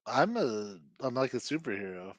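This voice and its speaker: A man's voice: mid-range voice, big pitch swings, moderate pace, highs cut off. A man playing a tabletop game online, matter-of-fact with joking asides. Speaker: player. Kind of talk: casual chat during a tabletop game.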